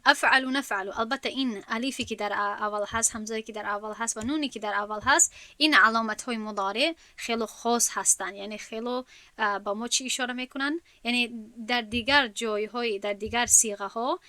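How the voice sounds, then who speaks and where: A woman teaching an Arabic grammar lesson, spelling out verb forms one by one and pausing with fillers as she explains. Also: a little high, pushed and bright, no room sound.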